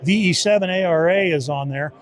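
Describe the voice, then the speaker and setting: A man with a high voice, speaking fairly quickly, gives an informal, step-by-step demo explaining how something works. He is a beta test supervisor presenting a product.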